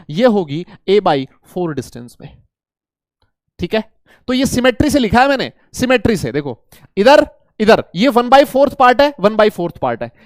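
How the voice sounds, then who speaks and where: A man teaching chemistry to a class, animated, repeating key points and coaxing and scolding students. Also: high voice, no room sound, clean studio sound. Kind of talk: classroom lecture.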